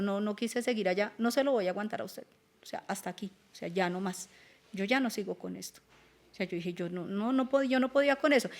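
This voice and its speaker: A woman's voice: mid-range voice, darkish tone. A woman telling her side of a personal testimony, earnest and emphatic. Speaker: testimony guest. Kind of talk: casual spoken testimony.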